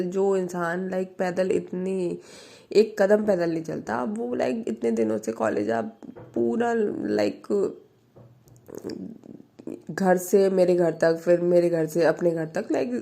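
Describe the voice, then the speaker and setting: Brief: woman storyteller doing a young college girl, stubborn and defensive, low mellow tone, quick when upset. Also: gravelly. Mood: pleading. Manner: pleading, then sharp and defensive. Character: young female college student, pleading then stubborn.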